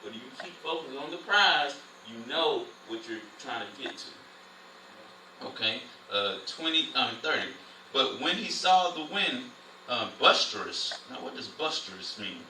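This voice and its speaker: Bright-voiced man preaching in a roomy hall. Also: mid-range voice, unhurried. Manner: lively, conversational, animated preaching. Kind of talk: informal Bible study teaching. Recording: roomy, distant, faint noise.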